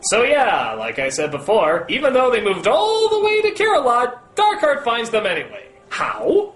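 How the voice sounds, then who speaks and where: A man's voice: high voice, a bit bright. A man hosting a comedic film review, sarcastic and exasperated, prone to outbursts. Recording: echoey room, music behind.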